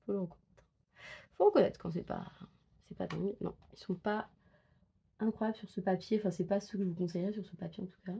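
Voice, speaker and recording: A woman's voice: medium pitch, steady tone, fast talker, vocal fry, pauses often, dark tone, a little hiss or hum. A woman chatting casually while she colors and tests pencils, thinking aloud with many fillers and self-corrections. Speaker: coloring book vlogger.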